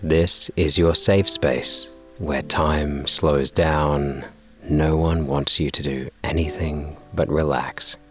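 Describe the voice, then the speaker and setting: Give the voice of a man with an extremely low pitch who reads a sleep story slowly and soothingly. His tone is crisp and bright despite the depth, and each phrase is gently measured. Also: steady tone, soft background music. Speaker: host and narrator of a sleep story podcast. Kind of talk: slow bedtime relaxation narration and story reading.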